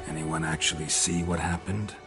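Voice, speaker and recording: Brief: a man playing a gruff game monster hunter, low voice, few words. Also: steady tone, normal speed, over music. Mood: dry. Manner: clipped, dry, few words. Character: terse, weary male monster hunter for hire. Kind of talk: fan dub of a video game.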